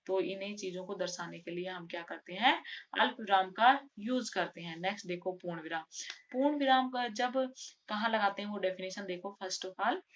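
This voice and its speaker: A woman teaching in a casual classroom way, repeating each rule in simpler words and stressing the example sentences. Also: medium pitch. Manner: stresses example sentences, saying them slowly. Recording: dull lo-fi recording.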